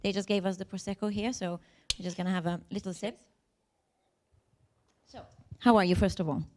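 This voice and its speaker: A woman hosting a live-streamed festival interview in a cinema bar, chatting in a relaxed, welcoming way. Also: medium pitch, fairly quick, background noise. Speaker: festival talk host.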